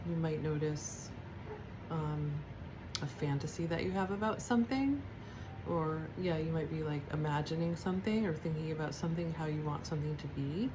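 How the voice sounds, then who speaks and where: Low-voiced woman teaching softly. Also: noisy background. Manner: soft, unhurried, reflective with fillers and restarts. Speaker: spiritual teacher. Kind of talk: devotional teaching talk.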